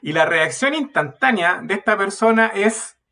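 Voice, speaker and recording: A man preaching a sermon at a youth meeting, earnest and building to loud emphasis. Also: high-pitched, lively intonation, moderate pace, gravelly, recorded from a distance.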